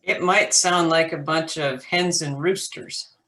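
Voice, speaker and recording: Bright-voiced playful pastor. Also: medium pitch, steady tone. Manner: playful, upbeat, quick to joke. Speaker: pastor, co-host. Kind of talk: casual chat and devotional reflection.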